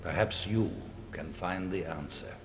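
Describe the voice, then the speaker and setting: A man playing a grave, sorrowful emperor in a video game cutscene, with stilted, theatrical delivery and dramatic pauses. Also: deep voice, music in the background. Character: grave ageing emperor, solemn and sorrowful, pleading.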